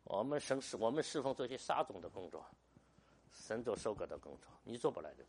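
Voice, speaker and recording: A man's voice: on the low side, sing-song, a little fast, darkish tone, breathy edge. Older guy pastor giving a sermon, emphatic, voice swings up and down a lot. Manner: emphatic, rhetorical questions, storytelling.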